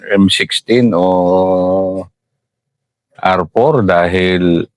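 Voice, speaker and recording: A middle-aged Filipino host with a low voice breaks into the story to explain military terms to his audience and push the guest with questions. He sounds in command of the conversation. The recording is dry and close. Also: fairly even intonation, drawn-out words, no room sound. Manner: explains to viewers, asks probing follow-ups. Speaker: host, retired army colonel. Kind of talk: interview commentary.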